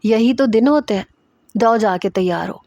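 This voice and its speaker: A woman's voice: a little high, mellow, no room sound, highs cut off, close to an everyday voice. A bossy older mother-in-law who scolds and insists on being obeyed, read out by a woman narrating. The voice sits close to the mic in a dry, dead space. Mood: scolding. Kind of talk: storybook reading.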